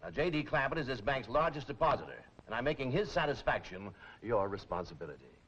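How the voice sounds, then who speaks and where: Bossy banker, animated delivery. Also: male voice, mid-range voice, fast. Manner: formal, commanding. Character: brisk, bossy bank executive. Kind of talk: vintage TV sitcom acting. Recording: dull, noisy vintage TV soundtrack.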